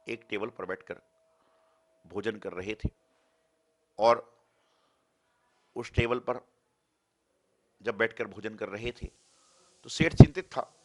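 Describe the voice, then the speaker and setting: Emphatic male Jain monk preaching. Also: on the low side. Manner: emphatic, rhetorical questions, repeats phrases. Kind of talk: sermon.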